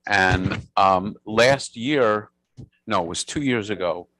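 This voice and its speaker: Chatting informally at a synagogue service, a service leader in his sixties wanders through stories and keeps correcting himself. He talks slowly in a fairly low, fairly bright voice. The recording is rough, though free of room sound.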